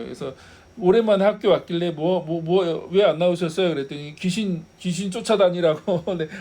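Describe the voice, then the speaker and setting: A man's voice: sits high, a little mellow. A male pastor preaching a Sunday sermon, asking the congregation rhetorical questions and laughing now and then.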